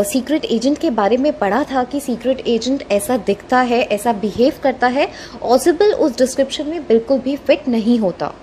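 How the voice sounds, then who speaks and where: A woman's voice: sits high, warm tone, slight background noise. A woman teacher with an Indian accent who reads English story lines and explains them in a mix of Hindi and English.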